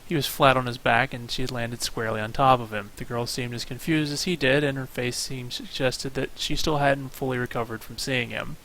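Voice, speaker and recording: A man's voice: mid-range voice, fairly even intonation, fairly quick, few pauses, fairly bright tone, slight background noise, rough recording. A man streaming, reading a game's story aloud with wry asides. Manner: wry asides between narration. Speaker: streamer reading a visual novel. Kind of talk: reading aloud with casual commentary.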